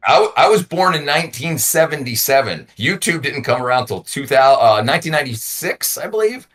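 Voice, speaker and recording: A man's voice: fairly high pitch, expressive, brisk, fairly bright tone. A man in his forties, a YouTuber guest in a casual talk, who rambles and repeats words as he thinks. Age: 40s. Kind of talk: casual conversation.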